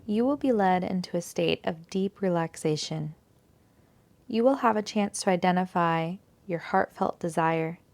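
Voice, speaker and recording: A woman with a fairly low voice guides a yoga nidra meditation. She speaks soothingly and gently, unhurried, with long pauses between phrases.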